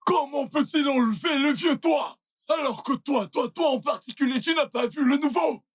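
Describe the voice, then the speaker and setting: A performer voicing an angry, stubborn old village father who shouts and scolds, in a dubbed film. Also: high-pitched, normal speed, lightly acted.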